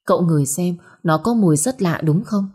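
A woman voicing a gentle, earnest young wife in a storybook. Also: on the low side, lively intonation, moderate pace, slightly rough.

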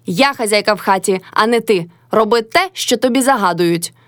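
A woman's voice: mid-range voice, lively intonation, normal speed, fairly bright tone, no echo, clean studio sound, lightly acted. A woman voicing a bossy, nagging older peasant mother-in-law who scolds her household. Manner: nagging, commanding.

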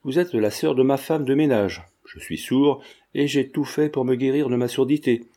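A man reading the part of a sly old man who pretends to be deaf and talks in a lowered, scheming way. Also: normal speed, warm tone, lightly acted. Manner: lowered, conspiratorial speech.

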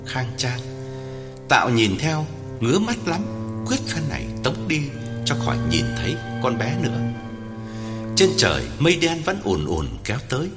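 Dramatic male ghost-story narrator. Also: a little high. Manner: dramatic, wide-ranging delivery. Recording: reverberant with background music.

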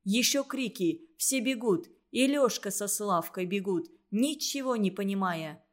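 A woman narrating a children's story in an expressive audiobook reading. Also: medium pitch, measured pace.

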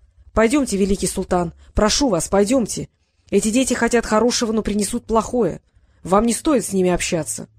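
A worried court jester presses his point firmly, voiced by a woman narrator. The pitch stays in a plain middle range. The recording is dry and close. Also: fairly quick, darkish tone, breathy edge, no room sound, natural voice. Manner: firm, insistent.

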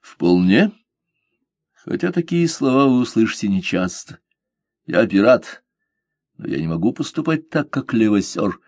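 A man voicing a courtly pirate captain who speaks calmly, courteously and with gentle irony. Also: fairly low pitch, measured pace, pauses often, dry recording, clean studio sound, full character voice.

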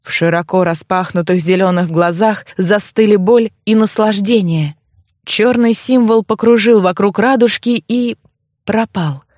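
A woman's voice: mid-range voice, measured pace, a little mellow, no room sound. Woman reading a first-person story, dry close sound. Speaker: audiobook narrator. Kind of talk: first-person fiction narration.

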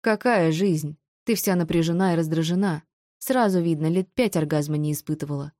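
A woman's voice: sits low, brisk, mellow, no echo, studio quality, close to an everyday voice. A woman voicing a mocking, muscular young man hired as a husband, speaking in curt, sneering lines.

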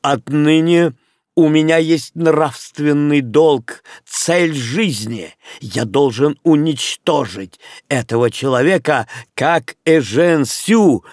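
A man's voice: on the high side, slow pace, a little mellow, no echo, studio quality, pitched above the performer's own voice. A man voicing a theatrical wandering singer who declaims grandly and stresses each syllable. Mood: grandly indignant.

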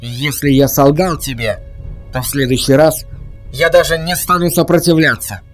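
A man reading an audiobook, voicing a weary masked male agent who speaks calmly through a metallic helmet voice changer. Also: a little high, normal speed, soft background music. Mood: earnest. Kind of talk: audiobook character voice.

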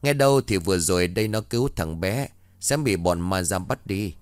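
A man narrating a ghost story in a steady, matter-of-fact way. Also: sits low, normal speed, no room sound.

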